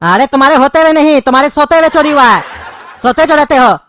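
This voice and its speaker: A woman voicing an irritable, bossy middle-aged father in a cartoon, speaking fast and gruffly. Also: sits high, lively intonation, a bit bright. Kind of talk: cartoon dubbing.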